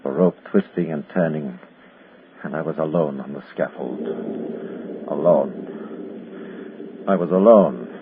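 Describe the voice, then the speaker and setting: An actor playing a shaken Nazi captain and executioner in a 1940s radio drama, haunted and repeating himself as if giving a report. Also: male voice, a bass voice. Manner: haunted, halting, repetitive first-person report. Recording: scratchy, muffled 1940s radio broadcast.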